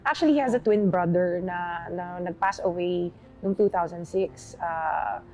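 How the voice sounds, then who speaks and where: A woman's voice: on the low side, measured pace, warm tone. A woman in her forties, a guest in a television interview, talking chattily and mixing in English phrases. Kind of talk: casual conversational interview.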